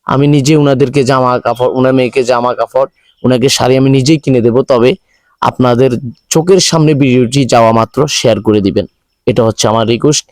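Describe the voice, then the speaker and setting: A man with a Bangladeshi accent hosting a charity video, speaking in a halting, repetitive, pleading way to viewers. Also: medium pitch, fairly even intonation, darkish tone, no room sound. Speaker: charity video host appealing for donations. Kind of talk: earnest spoken appeal to viewers, interviewing.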